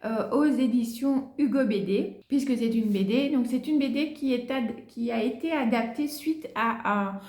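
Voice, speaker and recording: Woman book vlogger with a higher voice; casual, filler-heavy chat, showing books to the camera in a roomy, echoing space. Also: measured pace, hardly any pauses. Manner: chatty, many fillers and soft asides. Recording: echoey room.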